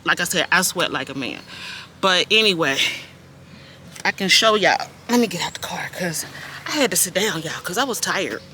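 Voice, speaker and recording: A woman in her fifties with a very bright, sharp tone, chatting loosely to her viewers with plenty of fillers. She films herself on a phone outdoors at a park, with a faint hiss of noise underneath. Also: fairly low pitch, animated, normal speed. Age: 50s. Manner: chatty, talks straight to viewers, many fillers. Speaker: vlogger. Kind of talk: casual self-filmed vlog chat. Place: outdoors at a park and in a parked car.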